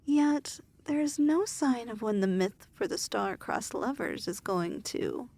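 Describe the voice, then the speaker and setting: This ASMR fantasy roleplay features a woman as a jaded, domineering demon lord who talks quietly and formally with deliberate diction. Her voice is fairly high and her intonation lively, carrying a skeptical mood.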